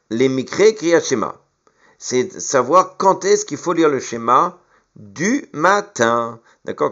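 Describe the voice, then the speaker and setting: A man's voice: on the low side, fairly bright tone. A man teaching a Talmud lesson. He reads each Hebrew or Aramaic phrase, translates it, and hesitates often with fillers and repeated words. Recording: dull lo-fi recording.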